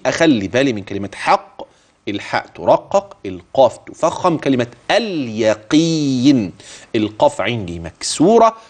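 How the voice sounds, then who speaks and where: A middle-aged man with an Egyptian Arabic accent teaching Quran recitation rules, voicing his students' questions and then answering them himself. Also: mid-range voice. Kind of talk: tajweed lesson with recited verses.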